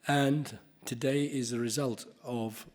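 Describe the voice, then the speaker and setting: A man chairs a conference panel in a hall, speaking off the cuff. His delivery is halting, full of restarts and occasional coughs, at a middling pitch. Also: steady tone, darkish tone.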